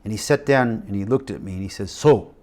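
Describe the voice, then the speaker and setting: A middle-aged man preaching a sermon, telling a personal story with animated delivery and shifts between loud and hushed. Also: lowish voice, fast talker. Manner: animated storytelling with acted quotes and shifting loudness. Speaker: missionary preacher.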